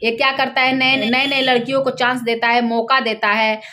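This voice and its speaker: A woman's voice: on the high side, flat delivery, normal speed, bright, forceful tone. A woman singer, giving heated, scolding gossip commentary in a vlog. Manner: scolding, indignant, mocks with quoted voices.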